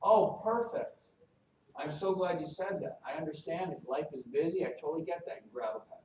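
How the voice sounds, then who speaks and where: A man giving a live recruiting training talk to his team, animated and salesy, joking with the audience. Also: a little high, normal speed, lo-fi sound, noisy background. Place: meeting room at a regional event. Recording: echoey room from a distance, faint ambience.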